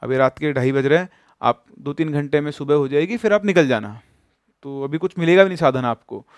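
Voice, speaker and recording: Man reading a calm, soothing hotel night guard, slightly high voice, dry sound. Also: a little fast, dry recording, natural voice. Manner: soothing, reassuring.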